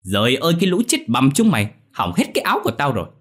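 A man's voice: on the low side, big pitch swings, moderate pace, breathy edge. A man voicing a cruel, greedy female moneylender who screeches and curses in a storybook tale. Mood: furious. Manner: screeching, cursing, scornful.

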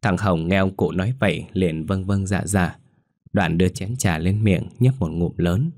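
Man, storyteller, ghost story narration, very deep voice, dry close sound. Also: a little mellow, dry recording.

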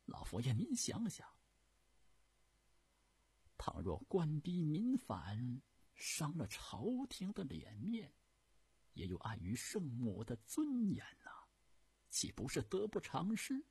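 A man's voice: wildly swooping pitch, takes it slowly, long pauses, darkish tone, breathy edge, no echo, heavily acted. A man voicing a sly, fawning eunuch servant who pleads in a raised voice. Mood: wheedling. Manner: groveling, pleading, higher voice.

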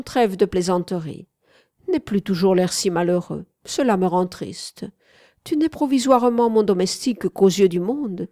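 A woman reading a proud, domineering lady from an audiobook who teases and then snaps out orders. The voice is mellow and warm, unhurried, and sits close on a dry mic. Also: mid-range voice, dry recording, close to an everyday voice. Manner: imperious, teasing, with sudden sharp commands. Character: haughty commanding young woman, lover and mistress.

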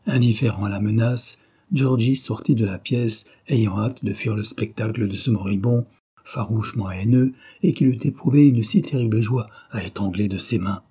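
A man narrating a novel as an audiobook, in a measured, dramatic storytelling manner. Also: fairly low pitch, warm tone, breathy edge.

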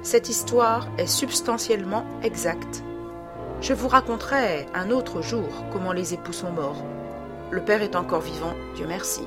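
A woman reading a literary story aloud in a measured storytelling manner. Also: on the low side, music in the background. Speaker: audiobook narrator.

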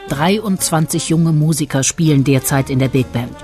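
A woman reporter giving calm, measured, scripted documentary narration. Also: low voice. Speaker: radio reporter. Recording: narration over loud music.

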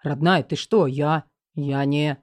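Female narrator doing a controlling husband, low mellow voice, brusque and pushy, audiobook character. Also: fairly even intonation, slow. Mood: flustered apologetic. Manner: lowered voice, brusque then pleading. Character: angry controlling young husband.

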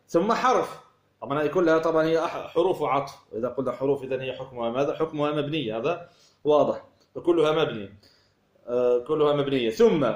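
Higher-voiced man teaching grammar, echoey. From Tunisia. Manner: explains with worked examples and rhetorical questions. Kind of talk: classroom lecture. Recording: echoey room.

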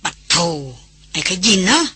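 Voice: normal speed, sharp tone, natural voice. A reader voicing an irritable, skeptical young man who scoffs impatiently. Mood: scoffing.

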